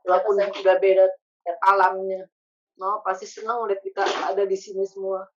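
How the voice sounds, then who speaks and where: Woman, tender reflective remembrance, mid pitch, slightly muffled recording with faint hiss. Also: flat delivery, a little fast. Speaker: family member sharing memories. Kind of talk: casual remembrance talk. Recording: slightly dull audio with faint noise.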